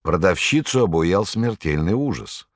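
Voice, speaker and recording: A man reading a story aloud with lively, dramatic delivery. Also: sits low, measured pace, dry recording, clean studio sound. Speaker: narrator. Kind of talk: scripted narration.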